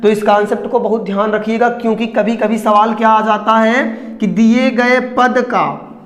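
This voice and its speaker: A man's voice: sits high, fairly even intonation, normal speed. A man teaching a Hindi grammar lesson, putting questions to his students and then answering them himself. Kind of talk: classroom lecture. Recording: echoey room with long reverb.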